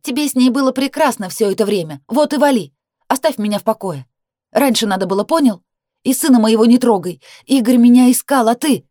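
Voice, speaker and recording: A woman reading an audiobook, voicing a defiant young heroine who snaps and shouts in anger. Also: on the high side, animated, brisk, dry recording, clean studio sound, voice pushed up. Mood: furious. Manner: sharp, defiant outbursts.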